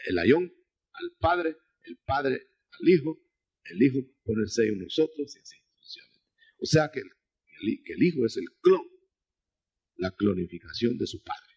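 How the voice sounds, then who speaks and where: A man's voice: medium pitch, darkish tone, slightly rough. A man preaching a sermon, explaining scripture in a teaching manner, addressing listeners as brother and often restarting his phrases. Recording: 1990s.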